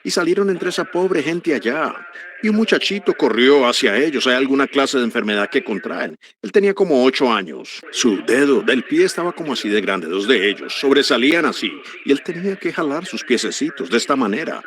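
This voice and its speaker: Man preaching with a lively, rising voice. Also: fairly quick. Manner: animated, earnest preaching with sudden high rises. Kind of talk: sermon.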